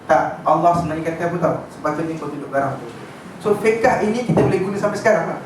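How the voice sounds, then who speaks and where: High-voiced Malaysian man lecturing in an echoey room. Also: racing. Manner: lively storytelling, often checks the class understands. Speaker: religious lecturer. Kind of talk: informal religious lecture to a class. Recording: echoey room, distant mic, background noise.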